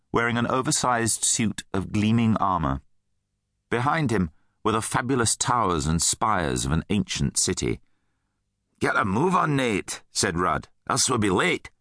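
A man narrating a children's fantasy audiobook in an expressive, animated storytelling manner. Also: fairly low pitch, dry recording, studio quality.

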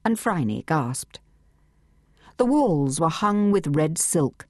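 Woman narrator, low and lively, dry close studio sound, measured delivery. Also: no echo. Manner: measured, expressive storytelling. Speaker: audiobook narrator. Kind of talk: scripted narration. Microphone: close studio mic.

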